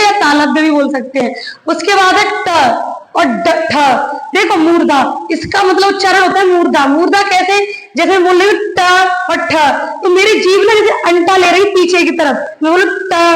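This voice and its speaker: A woman teacher giving a slow classroom lecture, repeating each point and quizzing her listeners with questions. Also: extremely high pitch, fairly bright tone. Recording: echoey room.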